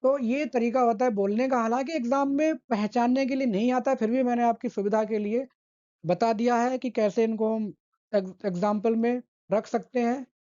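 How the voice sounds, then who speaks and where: Woman teacher, higher mellow voice, bit dull lo-fi sound, keeps asking the class questions. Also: normal speed. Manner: patient, repeats key terms and asks the class questions. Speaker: English literature teacher. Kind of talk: exam-prep lecture.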